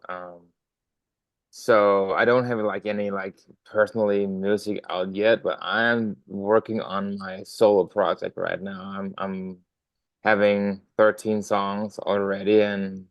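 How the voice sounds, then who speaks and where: A young Danish drummer from Denmark chats as a podcast guest, rambling in a friendly way full of ums and restarts. His voice is lowish, in casual interview talk. The recording is dry and muffled.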